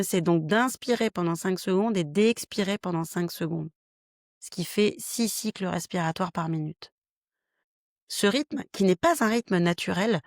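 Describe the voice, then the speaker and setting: A woman's voice: mid-range voice, no echo, studio quality. A woman hosting a health podcast, explaining practical stress techniques in a frank, step-by-step way. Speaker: podcast host, health worker. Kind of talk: solo podcast talk, lightly scripted.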